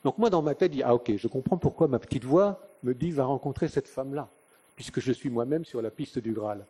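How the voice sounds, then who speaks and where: A man's voice: mid-range voice, brisk, warm tone, husky. An older man from northern France giving a live conference lecture, telling stories and asking rhetorical questions. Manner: conversational storytelling with rhetorical questions. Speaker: conference speaker. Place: conference venue.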